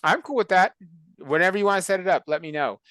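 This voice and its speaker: A man's voice: high-pitched, fast, bright, forceful tone, dry recording. A man hosting a casual chat on a video call, joking and rambling. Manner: joking, rambling, self-mocking. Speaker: show creator and host of the call.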